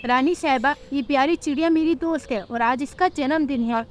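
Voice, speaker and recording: A kind male uncle bird from a cartoon story, warm and reassuring, voiced by a woman. He speaks in a high, friendly voice to cheer up a child. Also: brisk, a little hiss or hum, close to an everyday voice.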